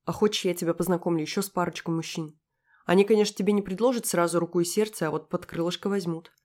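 A woman's voice: on the low side, steady tone, fast, darkish tone, lightly acted. A woman reading an audiobook, voicing a cold, contemptuous young man with a sneering, cutting manner. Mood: taunting.

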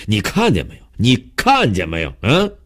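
A stern middle-aged police captain from a storybook, lecturing a suspect with long pauses and drawn-out fillers, as a male narrator acts him out. The voice sits extremely deep and gets louder and pushier as he presses. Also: lively intonation, full character voice. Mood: scolding. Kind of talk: audiobook character voice.

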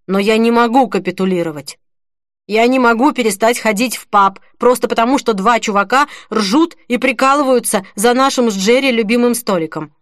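A woman's voice: fairly high pitch, no echo, studio quality, natural voice. A woman reading the part of a grown man who earnestly and firmly consoles a grieving friend in an audiobook. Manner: earnest, persuasive, gently firm.

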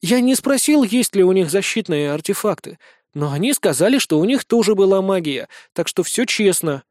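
A man's voice: high-pitched, lively intonation, normal speed, a little mellow, no room sound, studio quality. A man voicing a naive young man who speaks in a plain, matter-of-fact, innocent way in an audiobook. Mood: earnest. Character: naive young man, earnest and literal-minded.

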